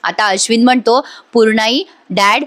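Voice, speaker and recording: Woman, chatty serial recap, talks straight to viewers, slightly high voice. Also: moderate pace. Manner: chatty, addresses viewers directly, acts out quoted lines. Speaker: episode recap narrator. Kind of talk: casual serial episode recap.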